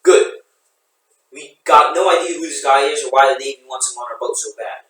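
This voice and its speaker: A man's voice: medium pitch, a little fast, noisy background, lightly acted. A man voicing a brusque, commanding male submarine captain. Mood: gruff. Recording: echoey room, voice from a distance.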